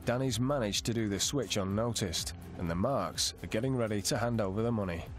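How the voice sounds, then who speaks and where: Casting: man for dramatic TV voice-over, lowish register, music underneath. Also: brisk. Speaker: narrator. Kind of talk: scripted TV narration.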